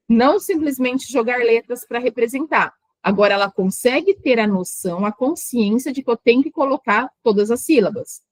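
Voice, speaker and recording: A woman's voice: fairly high pitch, a little mellow, dry recording. A woman teaching an exam-prep lesson on children's writing, explaining patiently and sounding out words syllable by syllable. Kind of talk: online exam-prep lecture.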